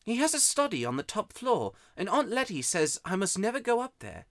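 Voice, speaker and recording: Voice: mid-range voice, very animated, brisk, a bit bright, no echo, clean studio sound, pitched above the performer's own voice. A narrator voicing an aggrieved, wound-up young boy with emphatic schoolboy talk, in a children's audiobook. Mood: secretive, uneasy. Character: miserable, wound-up, grubby young boy from the country.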